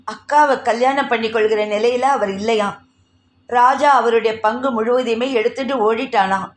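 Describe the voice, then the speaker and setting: A woman's voice: a little high, roomy sound. A woman reading a novel aloud as a narrator, voicing the characters' dialogue herself. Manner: reads characters' dialogue in her own voice.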